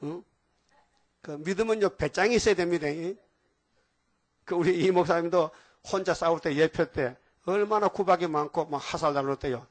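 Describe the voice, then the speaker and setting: A man preaching a sermon in a colloquial way, reading scripture slowly and often asking the congregation rhetorical questions. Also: on the high side. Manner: reads scripture aloud slowly and deliberately.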